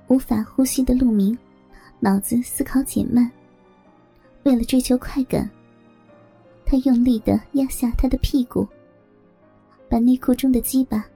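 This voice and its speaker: A woman narrating an adult audio story in a steady, unhurried reading voice. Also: a little high, gravelly, slightly rough, poor audio.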